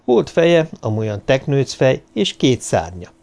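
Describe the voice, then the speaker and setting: A man narrating an audiobook in a steady storytelling manner. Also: medium pitch, creaky. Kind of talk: scripted narration.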